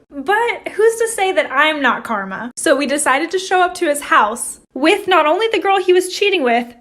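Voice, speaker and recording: A woman's voice: high-pitched, a bit bright. A young woman telling a personal story in a casual, wry, gossipy way. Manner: wry, gossipy, dry asides.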